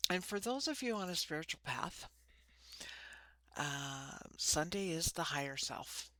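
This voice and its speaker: A woman with a lisp and slushy s sounds, giving an informal spiritual talk to camera in short, halting phrases. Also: sits low, expressive, a bit bright, no room sound. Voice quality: lisping, slushy sibilants from ill-fitting dentures. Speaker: host of a spiritual card-reading channel. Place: small room.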